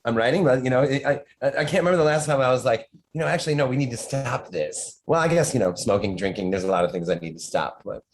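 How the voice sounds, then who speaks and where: A man's voice: medium pitch, expressive, quick pace, hardly any pauses, slight background noise, low-quality recording. Rambling, stammering man guest. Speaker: podcast guest, horror author. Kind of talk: casual chat.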